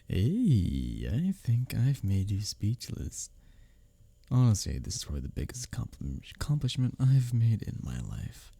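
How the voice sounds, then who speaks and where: Smugly teasing, a man acts out a sardonic office rival in an intimate, one-sided ASMR roleplay, chuckling between lines and secretly caring underneath. His low, husky voice is mellow and heavily acted, its pitch swooping wildly as he needles you at a measured pace. There's no echo.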